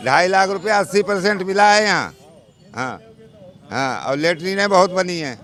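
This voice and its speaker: A man's voice: high-pitched, expressive, normal speed, a bit bright. An older man speaks in a slightly raised voice. He is emphatic, saying each point twice to drive it home. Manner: emphatic, repeats his points. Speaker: local resident interviewed on the street.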